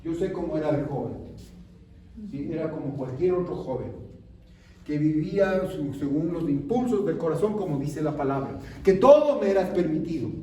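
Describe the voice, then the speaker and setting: A man's voice: a little high, animated, moderate pace, dark tone, slight background noise. A male pastor preaching a sermon with fervor, often putting questions to the congregation. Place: large church sanctuary. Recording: echoey church hall from a far mic, congregation audible. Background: congregation responding.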